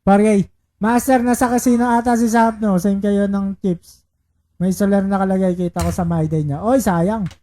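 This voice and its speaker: A male live-streamer with a warm, mellow tone that stays relaxed. He talks in a loose, casual way as he plays, reads out viewer shoutouts, and rattles off repeated betting calls. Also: high-pitched, normal speed. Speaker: livestreaming baccarat player.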